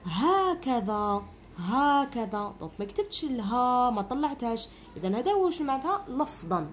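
A woman's voice: fairly high pitch, lively intonation, fast, slight background noise. A woman with an Algerian accent, a primary school teacher giving a grammar lesson to children and explaining each step while checking that they follow. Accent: Algerian Arabic. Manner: explains step by step, often asks "understood?".

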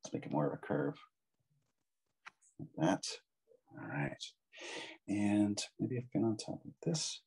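A man's voice: on the low side, expressive, a little slow, pauses often, a little mellow, breathy edge. A man giving a casual, encouraging draw-along lesson, chatting with children as he draws. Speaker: drawing instructor.

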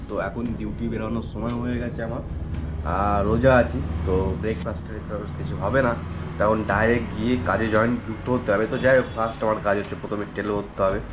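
Rambling rider vlogging. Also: male voice, lowish voice. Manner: rambling, keeps saying "okay" as a filler. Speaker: food delivery rider vlogger. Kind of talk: casual vlog talk to camera.

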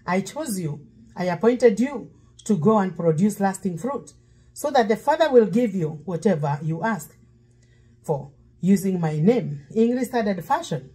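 This middle-aged pastor, a woman, mixes preaching with a cooking demonstration in her home kitchen and breaks into song from time to time. A fixed camera across the counter records her animated, measured, mellow and husky medium-pitched voice, with poor audio.

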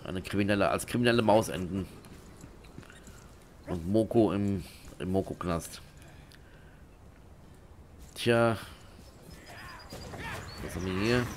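A man's voice: sits low, slow pace, pauses often, slight background noise. A man giving casual let's play commentary, with dry, joking asides to his viewers.

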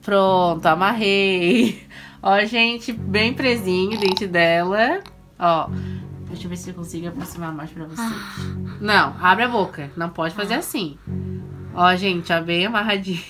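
Slow-talking mother filming a family vlog. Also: lowish voice. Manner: chatty and instructive, coaxing her daughter and often addressing viewers. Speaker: mother filming her child for a family channel. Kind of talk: casual family vlog talk to viewers. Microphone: camera mic, speaking from behind the camera. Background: background music.

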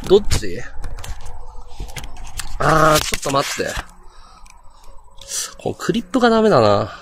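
A man streams live from an abandoned site at night, his voice jumping all over in pitch as he frets to his viewers. He sounds restless and edgy, picked up on a handheld mic with a faint hiss of the outdoors behind him. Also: very animated, a little slow. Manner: frustrated, restless, talking to viewers. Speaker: livestreamer. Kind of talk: live-streamed ghost-hunting vlog.

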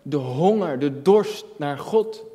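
A man in his early thirties, a junior pastor, preaches slowly and expressively in a high-leaning voice with a dark tone. His sermon is personal, reflective and earnest, full of repeated phrases and rhetorical questions. He stands at a lectern on an indoor church stage, filmed from a distance, with long hall reverb.

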